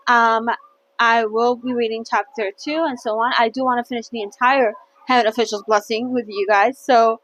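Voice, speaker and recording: Her fairly high-pitched voice comes through with a lo-fi sound as she reads a novel aloud in a casual, chatty read-along. Playful throughout, she often stumbles and self-corrects.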